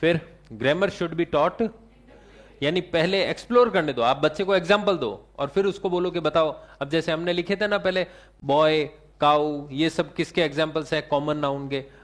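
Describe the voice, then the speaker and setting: A man's voice: on the high side, brisk, few pauses. A male teacher giving a classroom lecture, asking the class questions and answering them himself, with English terms mixed into his talk.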